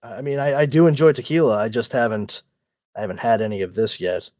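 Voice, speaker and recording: A man's voice: medium pitch, lively intonation, fast talker, darkish tone, no room sound. A man appearing as a podcast guest, stammering and self-deprecating in casual chat.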